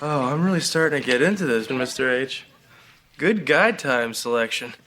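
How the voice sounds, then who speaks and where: Sitcom young dad, male actor: childlike, blunt, very lively delivery, heavily noisy soundtrack. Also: mid-range voice, moderate pace, natural voice. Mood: goofy, impressed. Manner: blunt, goofy, exclamatory. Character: goofy, childlike young dad, easily rattled. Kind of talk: sitcom acting.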